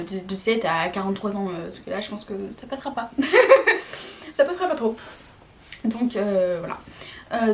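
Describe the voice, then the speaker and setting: A woman's voice: mid-range voice, a little hiss or hum. A seventeen-year-old girl with a French accent talking casually to camera, chatty and giggly, full of fillers and restarts. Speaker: vlogger.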